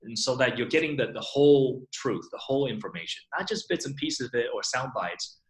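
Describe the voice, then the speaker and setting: Speaking a little fast in an expressive, medium-pitched voice, a middle-aged man from Taiwan describes his chiropractic work as a guest in a casual online Q&A interview. He fills his talk with "you know". The audio is poor and sounds roomy.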